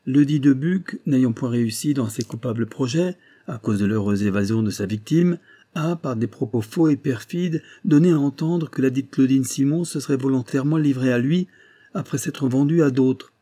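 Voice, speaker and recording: A man reading aloud, voicing a proud, composed young village woman who pleads her case in formal, measured speech. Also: medium pitch, dark tone, close to an everyday voice. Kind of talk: audiobook reading.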